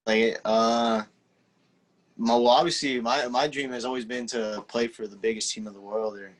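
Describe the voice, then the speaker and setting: Relaxed yet hesitant, a teenage footballer who grew up speaking Spanish responds to casual interview questions with frequent fillers and false starts. His voice sits in the mid range.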